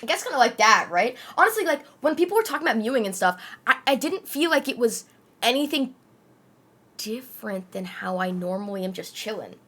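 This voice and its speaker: A young woman streamer with a high voice and a slight lisp talks casually to her chat. Her tone is bright and sharp. She rambles, swears freely and leans on fillers. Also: animated, brisk.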